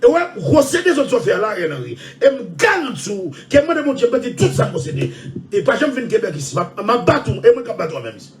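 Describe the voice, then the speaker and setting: Shouting high-voiced man ranting. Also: big pitch swings, quick pace, distant mic, a little hiss or hum. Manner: shouting, loud and repetitive. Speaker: online show host. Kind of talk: impassioned rant.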